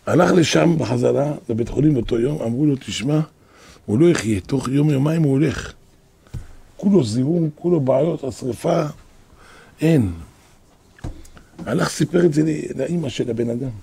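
A rabbi tells stories in a sermon, repeating phrases for emphasis and acting out what people said. His medium-pitched voice is gravelly and warm with a breathy edge, and he takes long pauses.

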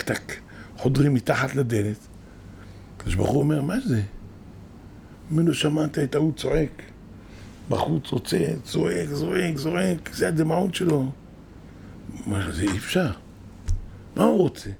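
A man's voice: fairly high pitch, creaky, a little mellow, slight background noise. A man, a rabbi, giving a sermon, telling stories with rising emphatic bursts.

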